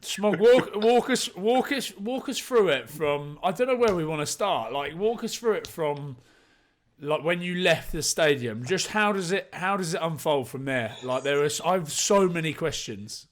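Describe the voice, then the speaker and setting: A man's voice: fairly high pitch, expressive, unhurried. A man co-hosting a podcast with casual, laddish banter, eagerly firing repeated questions. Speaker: podcast co-host.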